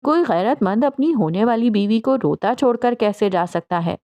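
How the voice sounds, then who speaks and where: A woman voicing a playful young man who jokes gently with his tearful fiancée in an audiobook. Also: a little high, expressive, close to an everyday voice. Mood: teasing. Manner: gentle joking banter.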